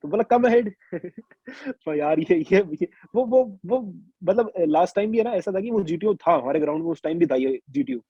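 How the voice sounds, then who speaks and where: A man's voice: sits high, lively intonation, moderate pace, slightly rough, dry recording, dull audio. A young man from India telling his exam experiences in a chatty, colloquial way, full of restarts and quoted asides. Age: young adult. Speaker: interviewee sharing exam experience. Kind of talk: casual conversational storytelling.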